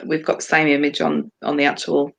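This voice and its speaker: A woman's voice: low-pitched, monotone, brisk, creaky, a bit bright. A woman co-hosting a casual livestream discussion over a video call, rambling and hesitant with many ums. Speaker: co-host.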